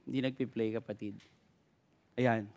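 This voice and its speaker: A man's voice: fairly low pitch, normal speed. A Filipino pastor preaching energetically, calling out to his congregation and switching freely between Tagalog and English. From Philippines. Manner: energetic preaching with repeated call-outs to the congregation. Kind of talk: sermon. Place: church.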